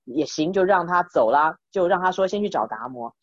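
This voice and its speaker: A woman's voice: on the low side, expressive, fairly quick, no room sound. A woman voicing underworld death spirits who scold a monk in a plain, matter-of-fact way, in a dull, dry recording. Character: underworld death spirits come to collect a soul.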